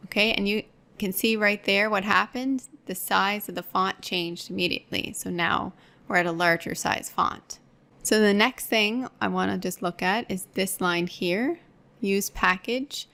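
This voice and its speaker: A woman's voice: mid-range voice, a little slow, gravelly, sharp tone. A woman teaching an online course, explaining each step patiently while working through a screen-recorded tutorial at her computer.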